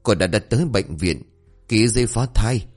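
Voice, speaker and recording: A man's voice: mid-range voice, lively intonation, brisk, husky, faint music behind, voice pushed up. A man voicing an enraged, violent young husband with a raised, harsh delivery, in an audio story. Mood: bitter. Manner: shouting accusations, raised and harsh.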